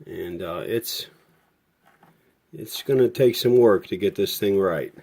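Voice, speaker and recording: Slow and low, with a slightly mellow sound, a man narrates his radio restoration video as an informal, hands-on walkthrough full of folksy digressions. There's slight noise in the background.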